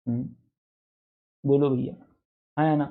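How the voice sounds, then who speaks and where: A male teacher giving a classroom lecture, who keeps asking the class for quick answers. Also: mid-range voice, steady tone. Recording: dull lo-fi classroom recording.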